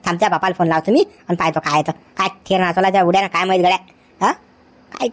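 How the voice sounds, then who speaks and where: A woman's voice: lowish voice, close to an everyday voice. A woman playing a flustered, scolding village uncle. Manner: scolding, excitable, rapid. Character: flustered middle-aged village uncle, the girl's father.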